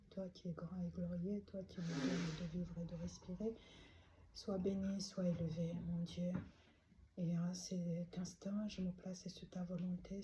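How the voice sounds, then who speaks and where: A woman's voice: on the low side, background noise. A woman from Rwanda praying and delivering a prophetic message, speaking earnestly with frequent hesitations and fillers. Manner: earnest and pleading. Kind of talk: prayer and prophetic address.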